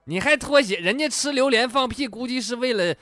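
A man's voice: extremely high pitch, animated, brisk, pushed and bright, dry recording, faint music behind. A man hosting a comedy show, reading out listener jokes with teasing wisecracks. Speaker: joke-reading show host.

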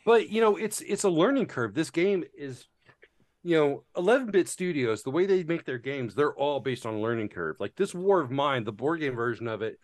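A man's voice: on the high side, animated, moderate pace. A man casually chatting about board games, rambling with lots of fillers and restarts and casual swearing. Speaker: board game reviewer. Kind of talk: casual chat.

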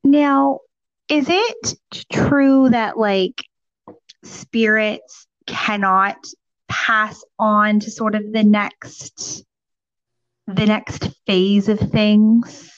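A woman hosting an interview, asking rambling questions and reacting with warm interest. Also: medium pitch, extremely slow, no echo. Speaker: podcast host. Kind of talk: casual interview chat. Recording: dull lo-fi audio.

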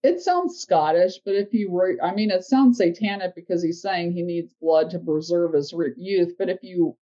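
A woman's voice: on the low side, expressive, normal speed, warm tone, lo-fi sound. A woman co-host on a podcast, thinking aloud and picking apart a text with many fillers. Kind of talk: casual podcast discussion.

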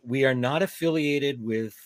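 A man's voice: medium pitch, measured pace, dry recording. A man co-hosting a casual talk show, rambling through announcements with many fillers. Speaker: co-host. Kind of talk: casual podcast chat.

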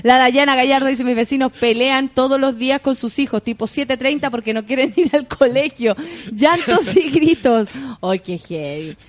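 A young Chilean woman hosts a loose, casual chat, her voice sitting high. She reads out comments and reacts with quick laughs and slangy swearing. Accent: Chilean Spanish. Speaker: host reading viewer comments.

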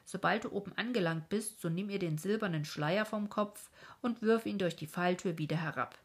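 A woman voicing a kindly, somewhat fussy old King of Dreams in a storybook reading, speaking warmly and patiently with a breathy voice. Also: medium pitch, normal speed.

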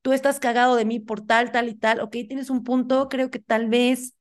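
Young woman, Mexican accent, animated guest in a casual talk, acts out dialogue. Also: on the high side, moderate pace. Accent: Mexican Spanish. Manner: animated, acts out quoted dialogue, frank and slangy. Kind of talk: casual chat.

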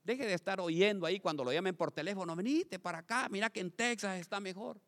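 A man preaching a lively sermon to his congregation as pastor, swinging from loud calls to quiet asides and asking the crowd questions. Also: high-pitched, fast. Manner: addresses congregation as brothers, asks questions.

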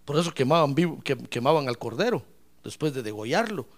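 A pastor preaching a sermon in a church, calling listeners brother and rising to shouts from a distance. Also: male voice, medium pitch, big pitch swings, a little fast.

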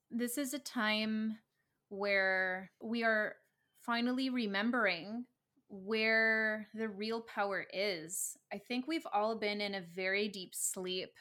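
A native English-speaking woman co-hosts a podcast, talking about spirituality in casual conversation. She's earnest and reflective and laughs easily, with a medium-pitched, sharp-toned voice.

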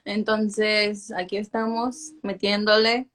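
A woman's voice: medium pitch, flat delivery, slow pace, a bit bright. Young woman chatting in casual Spanglish. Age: 20s. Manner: Spanglish, drops English filler words into Spanish. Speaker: urban music singer being interviewed. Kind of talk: casual interview chat.

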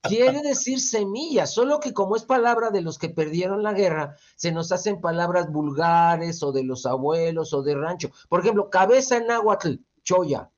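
A Mexican man, a guest expert, explaining with lively, teacherly, playful talk and rhetorical questions. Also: sits high, normal speed, hardly any pauses, dull audio.

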